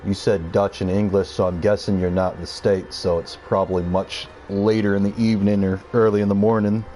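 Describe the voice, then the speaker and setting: A man's voice: lowish voice, level tone, a little fast, warm tone, faint music behind. A man streaming a video game, chatting casually with a viewer while he plays. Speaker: gaming streamer. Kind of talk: casual live-stream chat.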